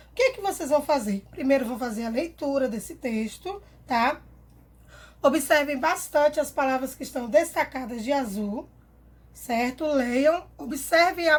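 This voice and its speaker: A woman teacher with a Brazilian Portuguese accent, explaining grammar slowly and clearly to children, checking in with them often. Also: high-pitched, fairly bright tone. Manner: patient, slow and clear, ends phrases with "tá?". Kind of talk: recorded grammar lesson for children.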